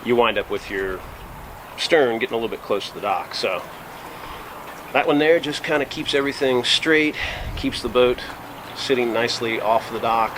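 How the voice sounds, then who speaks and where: A man speaks at a medium pitch in a plain, casual explanatory way, like a sailor walking viewers through his boat. Clear windy ambient noise sits behind his voice. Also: normal speed, pauses often. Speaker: liveaboard sailor, vlog host.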